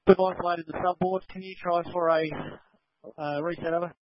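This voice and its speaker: A man's voice: sits high, flat delivery, a little fast. A male fire station officer replying over a two-way radio in clipped, formal radio procedure. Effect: two-way radio transmission. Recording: dull lo-fi radio with faint hiss.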